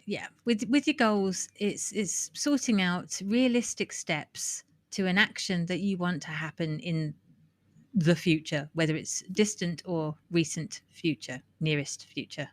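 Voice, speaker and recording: A woman's voice: lowish voice, measured pace. Chatty, giggly woman co-hosting a podcast. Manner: chatty, giggly, explains in lists with many restarts. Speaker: podcast co-host. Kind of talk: casual chat.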